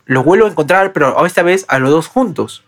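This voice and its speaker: A young man in his twenties with a Peruvian accent, telling a personal story in casual podcast chat, animated and full of restarts. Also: on the high side. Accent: Peruvian Spanish. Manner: fast, animated anecdote-telling with many restarts. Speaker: podcast co-host.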